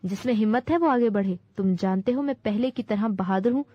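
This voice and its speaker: A woman's voice: mid-range voice, no room sound, natural voice. A woman voicing a grown male soldier who speaks with passion and dignity. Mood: defiant. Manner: passionate, proud. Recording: dull dry recording.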